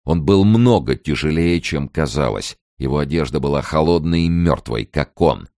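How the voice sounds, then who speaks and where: A male audiobook narrator reads a novel in a grave, measured way. His voice is extremely deep, yet his pitch moves expressively. The recording is dry and close, with no room sound. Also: lively intonation, darkish tone, no echo. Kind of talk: dramatic novel reading.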